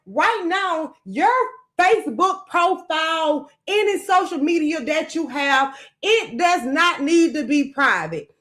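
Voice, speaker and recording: High-pitched woman on a livestream, no sleep, cussing and heated, shouting out viewers. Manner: angry, profane, fired-up, greets viewers by name. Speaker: podcast host on a livestream. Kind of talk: unscripted livestream rant.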